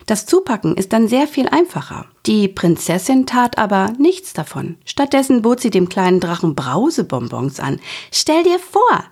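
A woman narrating a children's audiobook in a lively, expressive way. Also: medium pitch, normal speed, hardly any pauses, husky.

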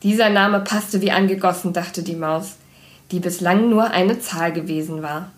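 A woman with a fairly low voice reads a children's book aloud. She reads expressively, bringing the story to life. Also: moderate pace. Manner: expressive, does character voices. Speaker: reader.

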